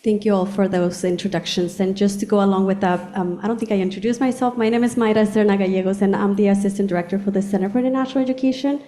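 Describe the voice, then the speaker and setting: A woman's voice: medium pitch, steady tone, fast talker, few pauses, dark tone. A woman hosting a campus panel as assistant director, explaining points carefully and stressing what matters. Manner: explanatory, emphasizing key points. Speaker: host, assistant director of international education. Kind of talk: event moderation.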